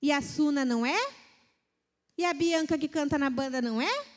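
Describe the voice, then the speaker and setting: High-pitched Brazilian woman preaching to women, animated and mimicking, recorded with a long church-hall echo. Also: moderate pace. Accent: Brazilian Portuguese. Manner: lively, mimics complaining voices. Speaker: women's ministry speaker. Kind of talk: casual sermon to a women's group.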